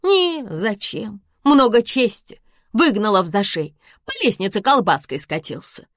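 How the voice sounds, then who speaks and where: A woman reading an audiobook, voicing a flustered, chatty female housekeeper in a shrill, excited, pleading way. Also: a little slow, no echo, studio quality. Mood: blunt. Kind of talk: audiobook character voice.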